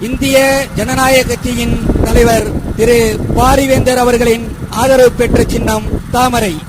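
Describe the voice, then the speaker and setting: A man's voice: very high voice, little pitch movement, unhurried, heavy background noise. A man making a formal election campaign announcement, appealing to voters in a declamatory style.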